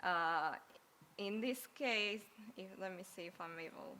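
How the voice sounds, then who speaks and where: Bright-voiced woman speaking on stage. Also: on the low side, unhurried, a little hiss or hum. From Argentina. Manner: relaxed, chatty, laughs easily. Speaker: conference speaker. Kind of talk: live tech talk on stage. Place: conference stage.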